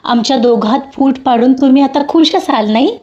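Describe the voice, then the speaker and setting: A woman's voice: high-pitched, moderate pace, close to an everyday voice. A woman voicing an angry young man who turns from pleading to threats, in a storybook reading. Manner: shouting, bitter, sneering. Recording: dull lo-fi with faint music.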